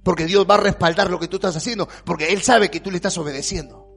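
A man preaching a fervent sermon, swinging from shouts to near-quiet and asking whether the listener understands. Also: high-pitched, quick pace, vocal fry, breathy edge, faint music behind.

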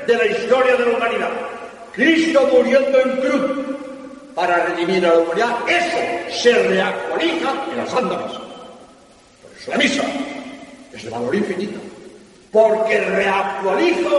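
A priest giving a storytelling sermon, repeating his key phrases for emphasis. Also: high voice. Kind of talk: radio sermon talk. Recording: echoey hall, distant mic.

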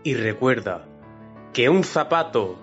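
A man voicing a grave, slow-speaking announcer in a parody advertisement. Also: mid-range voice, lively intonation, a bit bright, highs cut off, soft background music. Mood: solemn. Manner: slow, grave, dramatic pauses. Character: slow solemn male announcer in a parody shoe-shop ad.

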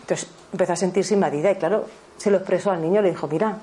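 Fast-talking woman from Spain. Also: lowish voice, steady tone, dark tone. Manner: fast, self-correcting, checks in with the audience. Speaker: school teacher giving a talk. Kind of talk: spiritual parenting talk.

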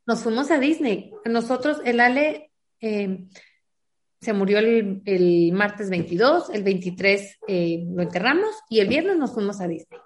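A woman's voice: medium pitch, expressive, unhurried. A woman, earnestly telling a personal story as an interview guest and acting out the dialogue she recalls. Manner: earnest, acts out quoted dialogue. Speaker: guest, foundation founder.

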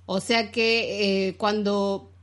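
A Mexican woman in her thirties co-hosts a relaxed talk show. She walks through ideas at length, trailing off and restarting as she thinks aloud, in a mid-pitched voice. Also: drawn-out words. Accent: Mexican Spanish. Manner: explains at length, restarts often. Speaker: podcast co-host. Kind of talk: casual chat.

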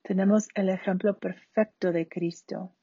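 A woman from Spain, giving an earnest Bible study talk in a slow, deliberate way. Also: medium pitch, fairly even intonation, warm tone, breathy edge, no room sound. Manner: slow, deliberate, earnest delivery with falling phrase ends. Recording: dull muffled recording.

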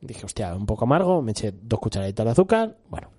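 A man's voice: lowish voice, big pitch swings, fast, darkish tone. Young Spanish man telling a rambling story. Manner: rambling storyteller, laughs often, says "tío". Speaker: co-host. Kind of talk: casual chat.

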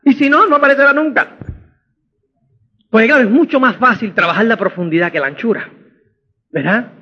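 A man's voice: very high voice, fairly quick, slightly rough. A man giving a motivational seminar talk, emphatic and often checking that listeners understand, recorded with dull lo-fi sound. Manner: emphatic, keeps asking "¿me entiendes?". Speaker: motivational speaker. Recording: dull lo-fi audio.

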